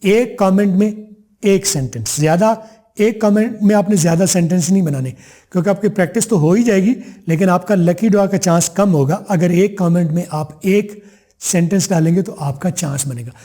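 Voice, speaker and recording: A high-pitched man with a mellow, soft-edged tone gives an English lesson. He stretches each example phrase out slowly, then hurries through the explanations around it. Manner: slow drawn-out repeated example phrases between brisk explanation. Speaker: English teacher.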